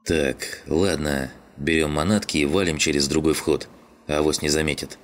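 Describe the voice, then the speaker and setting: A man voicing a gruff, bossy male scavenger leader who swears and barks orders. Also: extremely low pitch, fairly even intonation, normal speed, a little hiss or hum. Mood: commanding. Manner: rough, swearing, barking orders.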